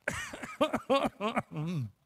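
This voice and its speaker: A man's voice: very high-pitched, very animated, drawn-out words, fairly bright tone, breathy edge. A man giving a casual sermon to a congregation, bantering, quizzing his listeners and laughing often. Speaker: preacher. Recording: long reverb of a hall.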